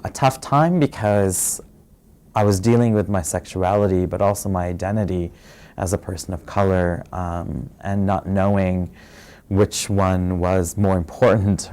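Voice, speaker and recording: A man from Fiji, interviewed about his life, gives a personal testimony in a low, mellow voice. He is soft-spoken and reflective, unhurried, pausing often and filling gaps with small hesitations and fillers.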